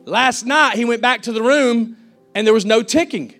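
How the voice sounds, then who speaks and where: A man's voice: extremely high pitch, normal speed, fairly bright tone, soft background music. A man preaching a fervent sermon as a pastor, acting out the people he quotes.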